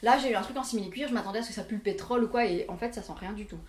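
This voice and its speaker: A woman's voice: medium pitch, very fast. Belgian woman, young, talkative and self-deprecating vlogger; roomy echo, a step from the mic. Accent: Belgian French. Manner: chatty, self-mocking, laughs often. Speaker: fashion vlogger. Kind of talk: casual try-on haul chat. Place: bedroom with mirror. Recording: echoey room, mic at a distance.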